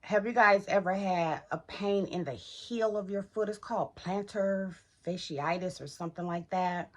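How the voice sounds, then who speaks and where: A woman's voice: medium pitch, moderate pace. A middle-aged woman vlogging casually while getting ready, chatty and talking to viewers as y'all, in a groggy morning voice. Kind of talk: casual get-ready-with-me vlog.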